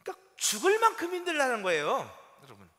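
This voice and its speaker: A male pastor preaching a Sunday sermon in a church, animated and asking his congregation rhetorical questions. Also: very high-pitched, a little fast. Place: church sanctuary. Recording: long church-hall reverb.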